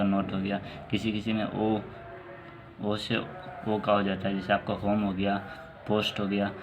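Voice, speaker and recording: A man teaching English pronunciation in a calm online lesson, explaining rules and spelling out example words slowly. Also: fairly low pitch, noisy background.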